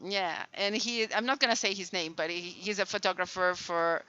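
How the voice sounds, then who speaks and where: A woman interviewing in a casual, conversational way, haltingly, often repeating her words and phrases. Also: on the low side, steady tone, sharp tone, clear, resonant tone. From Brazil. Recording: slightly dull, lo-fi call audio.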